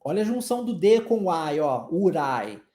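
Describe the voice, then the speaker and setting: Lively Brazilian teacher in a roomy echo. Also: male voice, high-pitched. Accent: Brazilian Portuguese. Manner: slow, deliberate modeling of phrases, encouraging. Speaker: English teacher. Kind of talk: English lesson with repeat-after-me drills.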